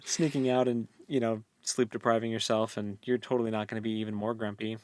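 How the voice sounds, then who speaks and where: A man in his late twenties with an American accent co-hosts a podcast's casual book club chat, joking around and dropping pop culture asides. His voice is fairly low with little pitch movement, brisk and darkish in tone, with no echo.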